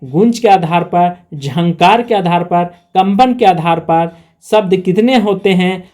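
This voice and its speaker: A woman's voice: on the low side, slow, dark tone. A woman with a Jharkhand Hindi accent teaching an exam-prep grammar lesson, explaining step by step and asking and answering her own questions.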